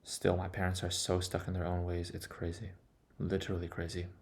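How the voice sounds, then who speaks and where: This vlogger reflects aloud in what seems to be a personal monologue, earnest and confessional in tone. His voice is low and fairly flat in melody, and he delivers short, deliberate phrases.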